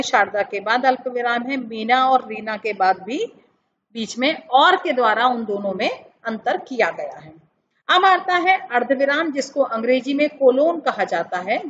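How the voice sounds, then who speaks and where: A woman teacher with a high voice talks her pupils through a classroom lesson and works through examples one at a time. The recording sounds dull and lo-fi, with faint noise underneath. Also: fairly bright tone. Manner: explains slowly with examples, addresses children directly.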